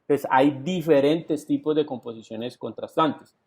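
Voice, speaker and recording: A man's voice: on the high side, measured pace, a little mellow, slightly rough. A man with a Colombian Spanish accent teaching a virtual class, explaining step by step and often checking in with the students. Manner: explanatory, frequent "entonces" and checks like "¿sí?". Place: home or office, video call. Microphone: computer mic on video call. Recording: dull lo-fi online class audio.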